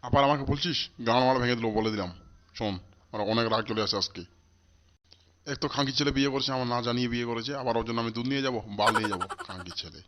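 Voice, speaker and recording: A man voicing a stingy, foul-mouthed old father in a comic cartoon, shouting and cursing at his family. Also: mid-range voice, racing, muffled recording, slight background noise, natural voice. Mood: angry. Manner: shouting, cursing, repeating threats.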